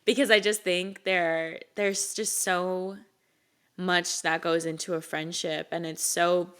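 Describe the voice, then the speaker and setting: A woman's voice: lowish voice, level tone, takes it slowly, fairly bright tone, clear, resonant tone. A young woman co-hosting a podcast, chatting casually with lots of fillers and laughs. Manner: rambling, filler-heavy, laughs often. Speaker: podcast co-host. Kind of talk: casual chat.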